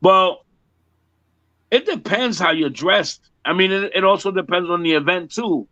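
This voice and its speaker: He has a high, bright, forceful voice and takes his time. A man in his fifties who performs music, he jokes through a casual interview and emphatically repeats himself, recorded dry on muffled lo-fi audio.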